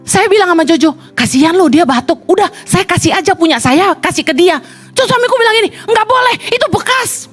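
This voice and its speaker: A middle-aged woman pastor, preaching a lively sermon full of personal stories and English phrases. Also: high-pitched.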